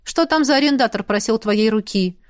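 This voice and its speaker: A woman's voice: on the high side, expressive, a little fast, no room sound, natural voice. A woman voicing a curt, stern young lord in an audiobook with clipped, dry lines.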